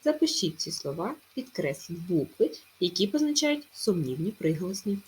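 A woman teaching a primary school language lesson in a recorded remote class, clearly stressing each sound as she dictates. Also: on the low side, big pitch swings, normal speed, a little mellow, slight background noise, poor audio.

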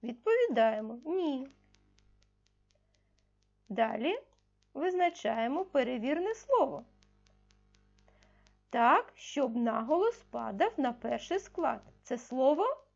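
Woman teacher doing a video lesson for little kids, slow and careful, leans on the key words, kinda muffled lo-fi audio. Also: high-pitched, big pitch swings, vocal fry. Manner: patient, asks questions and answers them herself; stresses key words slowly. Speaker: primary school teacher. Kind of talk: recorded video lesson for fourth graders.

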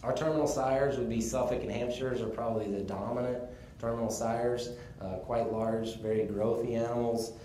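A man from Texas gives a casual conference presentation, explaining things in a relaxed way with the odd chuckle. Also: medium pitch, normal speed, a little hiss or hum. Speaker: conference speaker on sheep breeding. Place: conference room. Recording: echoey conference room, faint ambience.

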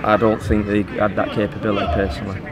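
Standing on an outdoor pitch after the match, a middle-aged man who manages a football team fields questions in a measured, even, level way, using lots of fillers. Crowd noise sits in the background, and the audio comes from a phone the interviewer holds in hand.

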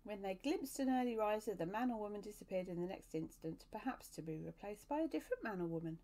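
A woman's voice: mid-range voice, lively intonation, fast, warm tone. Woman reading a novel aloud. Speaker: storyteller.

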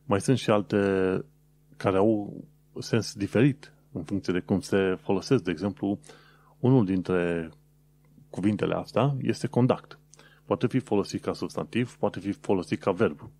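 A man's voice: sits low, mellow. A man from Romania hosting his own podcast, explaining practical tips in a casual, conversational way with frequent hesitant fillers. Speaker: podcast host.

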